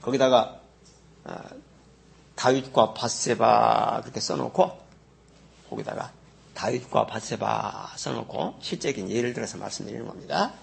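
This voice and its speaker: A man preaching a sermon as a pastor. He reads scripture slowly and drawn out, then swings from loud exclamations to low asides. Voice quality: gravelly and husky. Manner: slow, drawn-out scripture reading.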